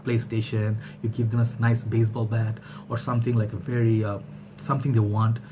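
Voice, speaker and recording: He's a Bangladeshi vlogger in his thirties, fairly quick in pace, with a lowish voice and a noisy background. Talking to a webcam in his small home room, he rambles through a casual opinion monologue, animated and gesturing, full of fillers and restarts.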